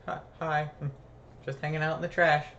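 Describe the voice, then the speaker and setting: A man's voice: fairly high pitch, level tone, moderate pace, a bit bright, lo-fi sound, a little hiss or hum. A young man co-hosting a casual movie commentary, tossing in dry jokes and chuckling asides. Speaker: podcast co-host.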